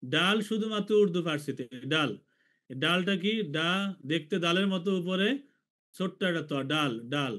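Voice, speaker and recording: A man from Bangladesh teaching an online language class, slowly repeating each letter for his students. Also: fairly high pitch, fairly bright tone. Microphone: video call.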